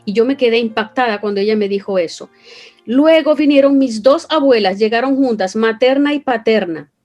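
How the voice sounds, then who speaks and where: A woman's voice: a little high, moderate pace, darkish tone, faint music behind. A Venezuelan woman with a Venezuelan accent, earnestly telling an emotional personal story as an interview guest. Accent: Venezuelan Spanish. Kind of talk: personal testimony.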